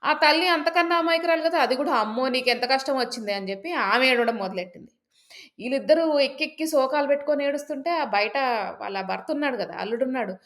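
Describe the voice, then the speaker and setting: A woman's voice: high-pitched, lively intonation, fast, a bit bright. A woman storyteller telling a folk tale in a chatty, casual way, with many fillers and asides.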